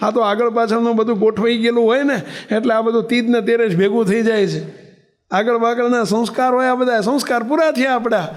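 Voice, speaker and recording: High-voiced man preaching a story sermon. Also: steady tone, a little fast. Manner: acts out characters' voices in his stories; asks the listeners rhetorical questions.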